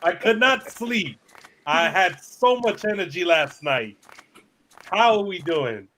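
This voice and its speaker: A man in his thirties on a casual sports talk livestream, energetic and opinionated, with fillers and repeated starts. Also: sits high, slow, slight background noise. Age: 30s. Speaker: sports talk show regular.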